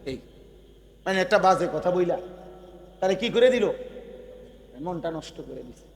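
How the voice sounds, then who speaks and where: A man preaching a waz sermon, his voice pitched high and carried by long reverb. He swings between loud, fervent declaiming and quiet asides. Now and then he mimics the people he scolds. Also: animated, moderate pace, creaky.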